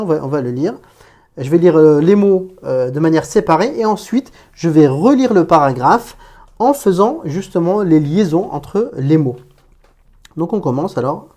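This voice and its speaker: A woman's voice: low voice, dark tone. A woman teaching an Arabic reading lesson, patiently reading word by word and explaining pronunciation.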